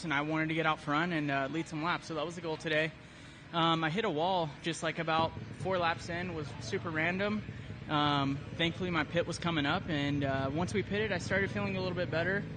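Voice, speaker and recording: Candid male racer, slightly high voice. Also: steady tone, fairly quick. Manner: candid, matter-of-fact. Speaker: racer being interviewed. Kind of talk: casual post-race interview. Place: outdoors at a race track. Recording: clear outdoor vehicle and ambience noise.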